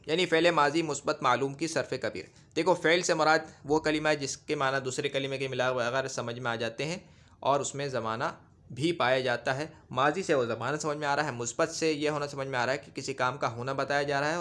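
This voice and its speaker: A man's voice: medium pitch, fairly bright tone. A man teaching a grammar lesson, explaining patiently, repeating points and often checking that his listeners follow. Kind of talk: classroom grammar lecture.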